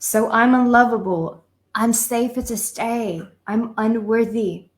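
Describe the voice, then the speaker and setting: A young adult Lithuanian woman with a high-ish voice takes her time as she leads a live online relationship-coaching masterclass. She speaks with emphatic, impassioned repetition, stringing lists of repeated phrases and warmly calling listeners her sisters and her loves.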